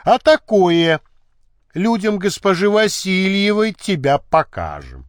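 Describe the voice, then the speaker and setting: A man's voice: high voice, big pitch swings, slow, no room sound, studio quality, exaggerated voice. A man playing a brusque detective who gives curt commands, in an audiobook. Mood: commanding.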